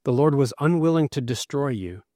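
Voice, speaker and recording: A man's voice: mid-range voice, lively intonation, brisk, dark tone, no echo. Middle-aged male pastor, earnest storyteller, dry recording. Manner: earnest storytelling preacher, reads scripture aloud. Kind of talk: sermon.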